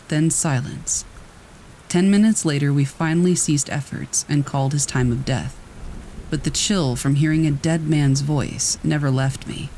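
A man reading first-person scary stories aloud in a steady, measured storytelling voice. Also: on the high side, a little hiss or hum, poor audio. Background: rain.

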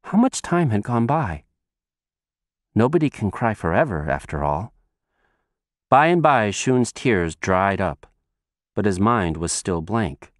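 A man with a fairly low voice narrates an audiobook in a measured, expressive storytelling style. The recording is studio quality with no room sound.

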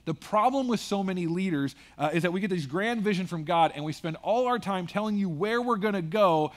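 Male pastor, high voice, chatty sermon delivery with wry asides. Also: lively intonation, fairly quick. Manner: conversational preaching with asides and humor.

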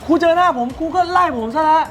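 A man playing a wealthy man disguised as a poor fruit vendor, who talks in a calm, lecturing way. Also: very high-pitched, fast talker, a little hiss or hum. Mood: indignant. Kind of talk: short-film drama acting. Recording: music playing underneath. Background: background music.

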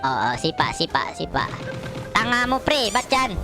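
A woman, commenting loudly on her game, laughing, swearing and teasing. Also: medium pitch, very animated, a little slow. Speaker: game streamer. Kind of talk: excited gameplay commentary. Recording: loud game music behind. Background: loud game music.

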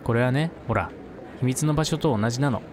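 A man reading the lines of a young schoolgirl who leads a fox-spirit ritual, in a gentle, coaxing way. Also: mid-range voice, brisk, noisy background, natural voice. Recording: game music underneath.

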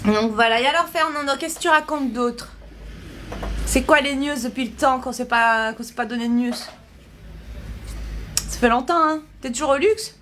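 A woman's voice: sits high, normal speed, long pauses, a bit bright, slight background noise. A woman in her thirties hosting a casual live stream from her shop, chatting to viewers through a phone held at arm's length. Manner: chatty, reads out viewer questions and answers them. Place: small shop with a big front window, indoors.

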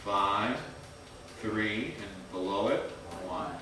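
A man's voice: on the low side, lively intonation, extremely slow, sharp tone, slight background noise. A man teaching a music theory workshop to a class in a casual, chatty way, quizzing the students as he goes. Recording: very echoey room, mic far off.

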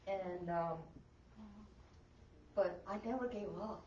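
A woman's voice: fairly low pitch, slow pace, very noisy. A woman sharing a personal testimony in a church group, earnest and emphatic. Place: meeting room with folding chairs. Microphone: far camera. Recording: echoey room, distant and dull.

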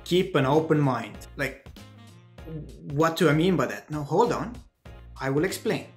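A man's voice: fairly high pitch, animated, unhurried. A young man with an Estonian accent, giving scripted advice to camera as a video blogger. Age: young adult. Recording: music under the voice. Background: background music.

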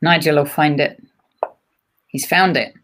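An English woman co-commentating live online chess, briskly moving the talk from game to game. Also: low voice, fairly even intonation, fairly bright tone.

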